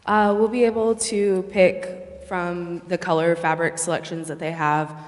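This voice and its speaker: In an echoey indoor council chamber, a city staff member presenting bids answers questions at a public meeting, sounding hesitant and apologetic. The voice is mid-range and unhurried, with little pitch movement.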